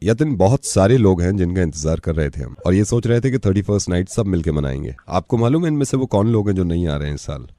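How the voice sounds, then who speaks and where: A man's voice: low-pitched, expressive, quick pace, hardly any pauses, warm tone, no room sound. A man hosting a radio prank call, scolding the caught caller and then talking in a somber, lecturing way.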